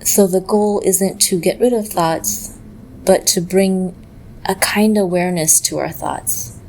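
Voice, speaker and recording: A woman guides a meditation in a fairly low voice, gentle and measured, moving very slowly and leaving long pauses between her phrases. The audio is poor, with clear background noise underneath.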